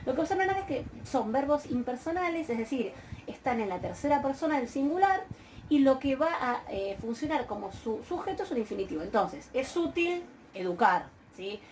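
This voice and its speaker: A woman's voice: high voice, big pitch swings, brisk, a little mellow, a little hiss or hum, rough recording. A woman with an Argentine Spanish accent giving a university grammar lecture, explaining patiently with frequent hesitations and check-in questions. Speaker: university Greek teacher. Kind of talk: recorded online lecture.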